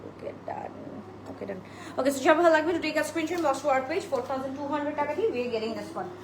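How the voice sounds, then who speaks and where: At a moderate pace and in a high voice, an online boutique seller pitches dresses on a live stream, talking into her phone. She chats away, mixing in English phrases and naming viewers as she greets them, in a room with echo and constant background noise.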